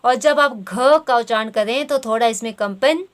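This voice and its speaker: Tutor lady, kinda high voice, keeps saying theek hai, reads options out slow. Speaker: teacher. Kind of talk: grammar lesson explaining quiz questions.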